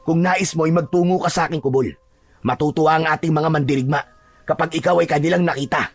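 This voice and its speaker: A man's voice: on the high side, fast talker, pitched above the performer's own voice. A man voicing a secretive, loyal rebel warrior in a narrated horror audio drama, speaking earnestly and confidingly.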